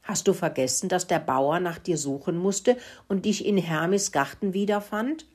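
A woman's voice: on the low side, moderate pace, darkish tone, slightly rough. A woman voicing a bossy little female mouse who lectures in a storybook reading. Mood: lecturing. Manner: lecturing, explaining.

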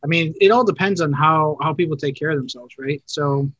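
A man in his thirties talks loosely on a podcast, wandering through his points and stopping to fix his own words. His voice sits a little high, and the sound is dry and close. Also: a little fast, fairly bright tone, slightly rough, no echo, lo-fi sound. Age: 30s. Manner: rambling and self-correcting. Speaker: podcast co-host. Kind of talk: casual chat.

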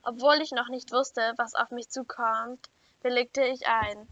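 A woman reading a first-person children's story aloud in an even, clear storytelling manner. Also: on the high side, a little slow, dry recording. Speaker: story reader. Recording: dull lo-fi dry recording.

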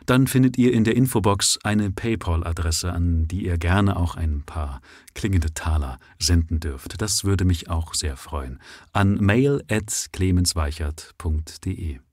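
A man reading a story aloud live at sight, with expressive, unhurried narration. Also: low-pitched, no echo, studio quality. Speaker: audiobook narrator.

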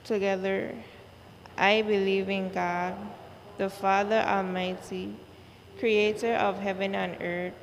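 Woman worship leader reciting liturgy slowly; slight gravel, long cathedral echo, faint hiss. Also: medium pitch, flat delivery, highs cut off. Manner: slow, measured recitation. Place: large church. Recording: long church reverb, faint noise.

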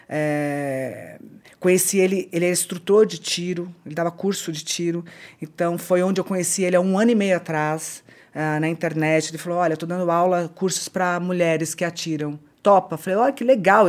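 A woman with a Brazilian accent, a podcast guest recounting a personal story in an earnest, halting way, often repeating herself. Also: lowish voice, fairly even intonation, darkish tone.

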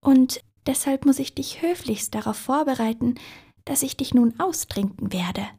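A woman's voice: high-pitched, expressive, moderate pace, gravelly, mellow, breathy edge, voice pushed up, heavily acted. A woman voicing a very polite, timid male hare in a storybook reading, in whispered role-play with an overly courteous manner.

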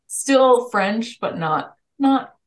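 A woman's voice: fairly high pitch, animated, extremely slow, slight background noise. A young woman co-hosting a podcast, chatting casually and rambling with lots of "like" and laughter. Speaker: podcast co-host. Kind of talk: casual chat.

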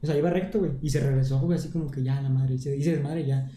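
Young man, mexican spanish accent, slangy casual talk, quick delivery, very dark tone, echoey room, faint background noise. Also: mid-range voice, steady tone. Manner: slangy, says "güey" constantly. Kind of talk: casual chat.

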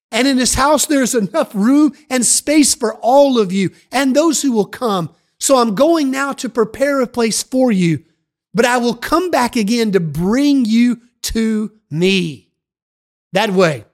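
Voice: medium pitch, animated, slow pace, long pauses. A narrator voicing Jesus in a dramatized Bible story, speaking in an earnest, reassuring way to his followers. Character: calm earnest male Jesus teaching followers.

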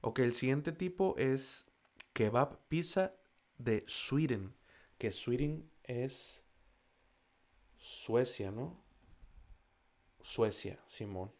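A vlogger with a Mexican accent chats casually in slangy, profane Spanish, stumbling over foreign food names while reading a list. His voice is medium in pitch, expressive, slow and darkish.

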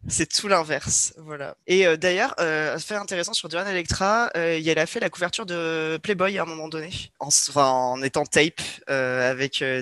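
Bright, higher-pitched man, hesitant chat. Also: no echo. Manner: hesitant, many filler pauses and restarts. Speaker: podcast co-host presenting a music segment. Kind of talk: casual chat.

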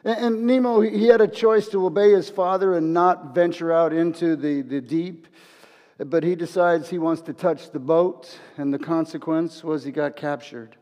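Higher-voiced male preacher in a reverberant hall. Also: fairly even intonation, normal speed, a little mellow. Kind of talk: conversational sermon built on a film.

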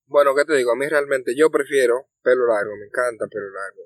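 A man's voice: mid-range voice, fast, no room sound. A man with on a casual podcast chat, telling a wry personal anecdote. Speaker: podcast co-host.

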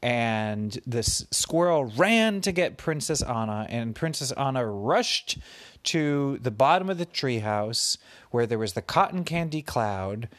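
A father spinning a bedtime story for his child at an unhurried pace. His voice is gentle and patient, recorded close and dry with a medium pitch. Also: lively intonation, no echo.

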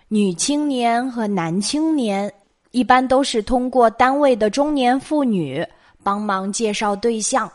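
A middle-aged woman with a Mainland Chinese Mandarin accent tells childhood memories as bedtime stories in a conversational way. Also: a little high. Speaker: storytelling host of a bedtime show.

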